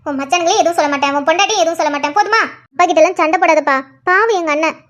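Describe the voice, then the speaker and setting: A woman's voice: extremely high pitch, fairly bright tone. A woman voicing a sly, defensive, scheming aunt in a family cartoon. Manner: sly, self-pitying, quick. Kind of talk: cartoon voice acting.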